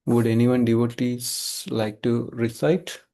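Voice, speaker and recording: A man with an Indian accent teaching a devotional scripture class in a halting, conversational way. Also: medium pitch, completely flat delivery, warm tone. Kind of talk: devotional lesson with verse recitation.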